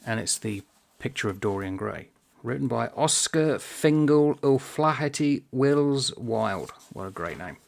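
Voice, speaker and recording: A middle-aged man talking about books in a thoughtful, unhurried way, pausing often as he muses aloud. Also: medium pitch, expressive, vocal fry. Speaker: book vlogger. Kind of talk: reflective book vlog talk.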